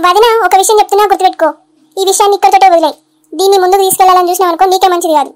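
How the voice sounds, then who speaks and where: A woman's voice: extremely high pitch, fairly even intonation, racing. A woman voicing a defiant young sister-in-law in a cartoon, curt and scolding.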